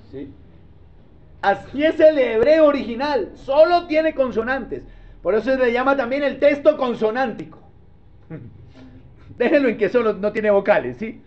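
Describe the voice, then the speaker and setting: High-voiced pastor, lo-fi recording. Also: male voice. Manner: conversational, keeps checking in with the congregation. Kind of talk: teaching sermon. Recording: dull lo-fi sermon recording.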